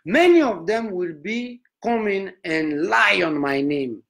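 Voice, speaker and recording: A solemn, self-important male prophet, as a man puts him on, preaches in broken English with a Nigerian accent. His voice rides high and swings widely from word to word. He stretches out every phrase in a slow, grand sermon. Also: lively intonation, vocal fry, a bit bright, full character voice. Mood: preaching. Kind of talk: comic sermon.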